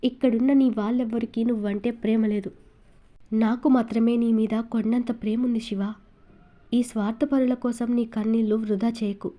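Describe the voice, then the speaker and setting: Woman doing a harsh young villain, obsessive, contemptuous, mellow higher voice, storybook reading. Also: steady tone, moderate pace, lightly acted. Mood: possessive. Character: ruthless jealous young man, obsessive villain.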